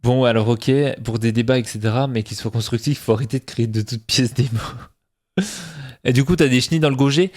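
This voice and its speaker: Bantering with his stream chat, this young Franche-Comté man makes fun of himself in a laid-back way, his French carrying a faint Franc-Comtois accent. His delivery is brisk, with a medium pitch and a somewhat dark tone.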